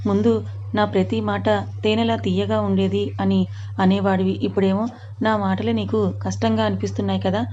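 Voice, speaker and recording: A woman's voice: mid-range voice, level tone, a little fast, darkish tone, dull audio, a little hiss or hum, lightly acted. A woman voicing a moody pregnant young wife. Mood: tearful. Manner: reproachful, clingy.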